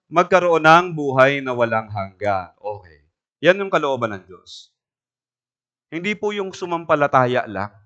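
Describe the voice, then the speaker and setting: A man's voice: high-pitched, pushed and bright, clear, resonant tone. A man preaching a sermon in a church, asking the congregation questions and telling a homely story. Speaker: pastor.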